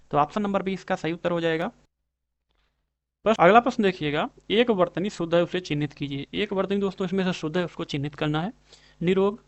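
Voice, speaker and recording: A young man teaching a grammar lesson for exam prep. He goes through questions and answers one by one, repeats himself and keeps calling his viewers friends. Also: a little high. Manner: repetitive, addresses viewers as friends, stretches out spelled words.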